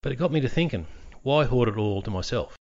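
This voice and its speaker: A man's voice: mid-range voice, lively intonation, fast, muffled recording. A man hosting a history podcast, narrating with dry, wry humor. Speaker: podcast host.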